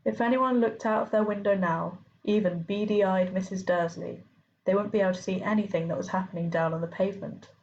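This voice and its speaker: A woman reading a novel aloud in a plain, steady, amateur audiobook style. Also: fairly low pitch, dull audio. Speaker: reader.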